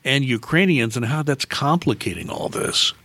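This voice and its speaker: Measured male interview host. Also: medium pitch, big pitch swings, a bit bright. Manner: measured, deliberate questioning. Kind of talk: radio interview.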